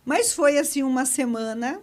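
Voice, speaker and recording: Expressive middle-aged woman with a high voice. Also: normal speed. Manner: expressive, gestures a lot while talking. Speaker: podcast host and public speaking teacher. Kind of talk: casual podcast chat.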